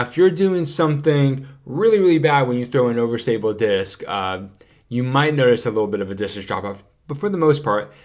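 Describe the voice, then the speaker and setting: Man explaining disc golf form. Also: medium pitch. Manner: explains patiently with frequent fillers and self-corrections; reads from notes. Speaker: disc golf podcast host. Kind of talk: casual instructional talk.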